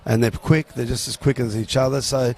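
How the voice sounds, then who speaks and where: A man's voice: mid-range voice, fairly even intonation, fairly quick, a little mellow. A man, a co-commentator and coach, giving short, agreeable remarks on a live football match outdoors. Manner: agreeable, brief, laughs often.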